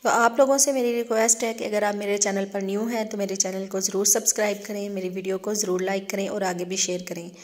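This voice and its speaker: A woman with a Pakistani Urdu accent, narrating a recipe step by step over her home cooking video as the channel's host. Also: medium pitch. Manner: steady step-by-step explaining with frequent fillers.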